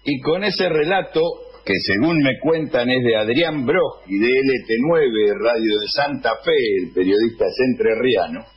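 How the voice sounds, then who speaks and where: An Argentine man hosting a radio show, delivering a political editorial in deliberate phrases with pauses. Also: medium pitch, lively intonation, muffled recording, a little hiss or hum. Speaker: radio host.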